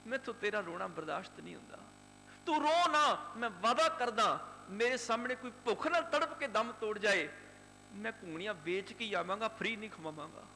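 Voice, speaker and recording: A man's voice: high-pitched, fast, few pauses, sharp tone. A male preacher voicing an earnest, tender young boy who speaks emphatically to his grandmother. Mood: pleading. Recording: hall reverb, faint hum.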